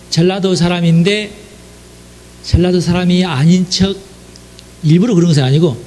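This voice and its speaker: A man's voice: sits high, a little mellow, slight background noise. A man from the Jeolla region giving a conversational sermon, chatty and speaking straight to his listeners. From Jeolla region, South Korea. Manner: chatty, addresses the audience directly, frequent affirming asides. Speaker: preacher.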